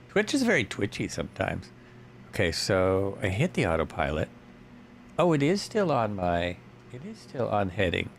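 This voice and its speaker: A man hosting a live stream, chatting casually with viewers while he flies, thinking aloud and breaking into excited yelps and cheers. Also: on the low side, slight background noise.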